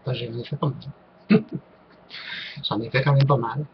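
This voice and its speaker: A man's voice: medium pitch, fairly even intonation, a little slow, lo-fi sound, background noise. A man with a Québécois accent answering viewer questions to camera, hesitant, with many fillers and restarts. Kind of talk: casual talk to camera.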